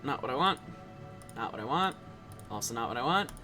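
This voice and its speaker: A man's voice: mid-range voice, expressive, brisk, sharp tone, faint music behind. A man chatting casually with fellow players on a live stream, thinking aloud in a distracted way as he searches online. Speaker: tabletop game player.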